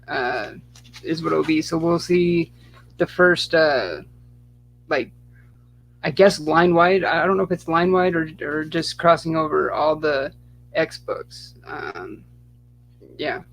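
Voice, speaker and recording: Man co-host, hesitant and rambling, gravelly tone, a bit high. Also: slow pace, long pauses, fairly bright tone, a little hiss or hum. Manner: rambling, hesitant, full of fillers. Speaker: podcast co-host. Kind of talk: casual chat.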